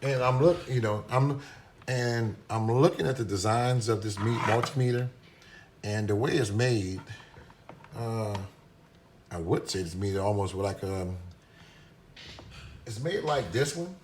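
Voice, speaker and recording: A man's voice: on the low side, unhurried, long pauses, background noise. A man giving a casual, hesitant hands-on demonstration at a workbench, with many restarts and fillers, recorded on a phone camera. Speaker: product reviewer demonstrating a meter.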